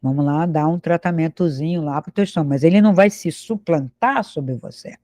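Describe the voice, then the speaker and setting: Mellow-voiced Brazilian man lecturing. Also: fairly high pitch, a little fast. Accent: Brazilian Portuguese. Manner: fires rhetorical questions at listeners; acts out the excuses of imagined people. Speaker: spiritual teacher. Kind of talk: spiritual lecture.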